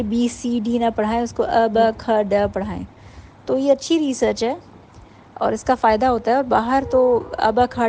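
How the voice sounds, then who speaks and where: A woman giving an informal workshop talk to mothers, explaining patiently and sounding out letters slowly. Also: on the high side, dark tone, slight background noise, low-quality recording. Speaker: parenting workshop teacher.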